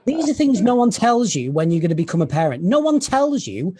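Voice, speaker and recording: Over a video call, a stand-up comedian in his 30s tells dry, self-deprecating stories sprinkled with quiet asides. His voice is high-pitched and sing-song, a little fast, and the audio is very noisy.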